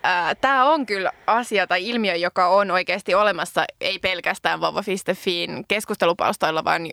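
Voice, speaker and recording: A woman co-hosting a casual podcast conversation, talking in a thoughtful, lively way with fillers. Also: fairly low pitch, vocal fry, no room sound, clean studio sound. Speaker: podcast co-host.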